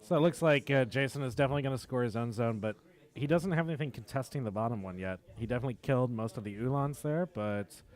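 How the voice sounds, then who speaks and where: A man commentating a tabletop wargame stream in a relaxed, chatty, analytical way. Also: medium pitch, quick pace. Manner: chatty, analytical, laughs easily. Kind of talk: casual live game commentary.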